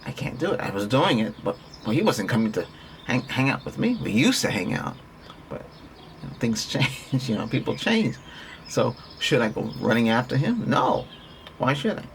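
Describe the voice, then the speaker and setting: A man's voice: medium pitch, creaky, slight background noise. Earnest rambling man giving a healing talk. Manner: earnest, repetitive, conversational, with restarts. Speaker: Reiki practitioner.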